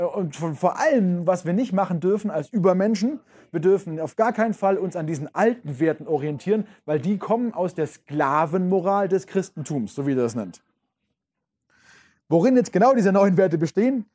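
A man's voice: high-pitched, expressive, fairly quick, dark tone, husky. A man giving an informal lecture, talking casually to his listeners with many fillers.

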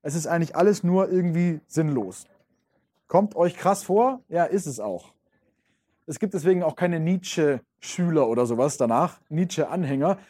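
A man's voice: a little high, expressive, moderate pace, mellow. A man giving an informal lecture, talking casually to his listeners with many fillers.

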